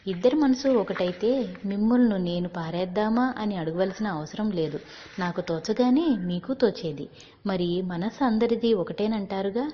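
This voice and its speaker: A woman voicing a wise young girl who reasons calmly through probing questions, in a dull recording with long reverb. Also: medium pitch, normal speed, slight background noise, close to an everyday voice.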